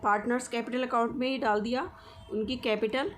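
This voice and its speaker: A commerce teacher with a steady, somewhat high voice teaches accounting at a brisk pace, faint music behind her. She walks through each step of the lesson one at a time, checking in with her students often.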